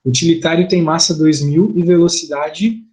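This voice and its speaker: A man's voice: a little high, fairly even intonation, normal speed, darkish tone. A middle-aged Brazilian man teaching an online physics class, chatty, asking his students rhetorical questions.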